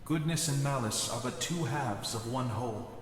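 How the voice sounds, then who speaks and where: A man's voice: mid-range voice, normal speed, a little hiss or hum, close to an everyday voice. A man playing a solemn otherworldly harbinger of judgment in a video game, speaking in formal, grandiose pronouncements. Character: solemn male otherworldly harbinger who judges the world. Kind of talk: scripted video game acting. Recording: echoey hall-like reverb.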